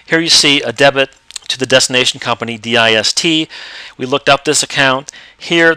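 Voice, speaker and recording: In a screen-recorded tutorial, a software trainer explains step by step how to use accounting software. He has a medium-pitched voice and the recording has no echo.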